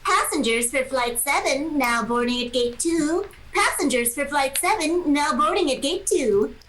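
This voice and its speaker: A woman voicing a brisk female airport gate announcer calling out boarding over the loudspeaker in an amateur 1940s-style radio play. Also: sits high, expressive, a little hiss or hum, pitched above the performer's own voice, poor audio. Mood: announcing.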